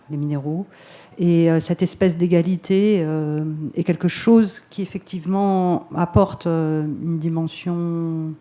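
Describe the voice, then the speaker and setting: Casting: filmmaker at a press conference, mellow mid-pitched voice, reflective, searching and hesitant. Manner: hesitant, thoughtful, repeating words. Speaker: filmmaker answering questions.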